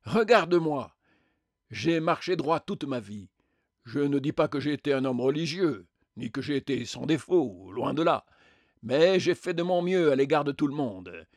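An indignant, resentful burly ghost, as a man reading the tale puts him on, voice pushed higher and louder than the narration. He protests and complains in a storybook reading, recorded dry and close. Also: animated, moderate pace, dry recording. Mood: self-righteous.

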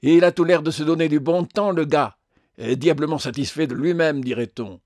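A man's voice: a little high, normal speed, a little mellow, no room sound, clean studio sound, lightly acted. A man voicing a resentful bus passenger in an audiobook, grumbling sarcastically.

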